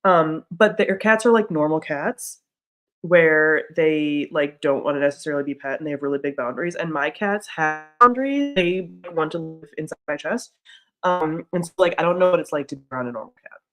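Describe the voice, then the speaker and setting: A woman's voice: deep voice, brisk, fairly bright tone. A woman in her thirties streaming casually, rambling through chat with lots of "like"s at a desk mic. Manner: chatty and rambling, many "like"s.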